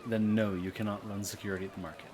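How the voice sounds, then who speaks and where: A man's voice: fairly low pitch, little pitch movement, a little mellow, slight background noise. A man running a tabletop game as game master, hesitant and full of fillers. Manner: slow, halting, many fillers.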